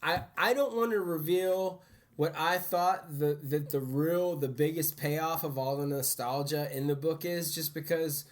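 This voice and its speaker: A podcast co-host in his thirties talks in an easygoing, halting way and often restarts his sentences. His voice sits a bit high for a man. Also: steady tone. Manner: hesitant, repeats words, easygoing. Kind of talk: casual chat.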